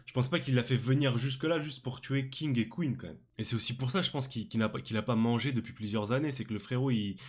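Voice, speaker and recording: A young man talks into a studio mic in an animated reaction style. He is slangy and exclamatory, looping back over the same phrases again and again. His voice sits at an ordinary middle pitch. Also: quick pace, hardly any pauses. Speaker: manga reaction youtuber. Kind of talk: excited reaction commentary. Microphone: studio microphone on arm.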